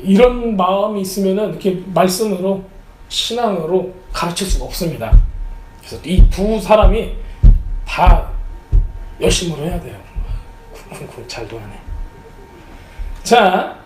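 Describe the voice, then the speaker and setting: A man preaching a sermon as pastor, animated, often acting out the lines of the people in his story. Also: high-pitched, echoey room, a little hiss or hum, poor audio. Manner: animated, acts out quotes of characters. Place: church sanctuary.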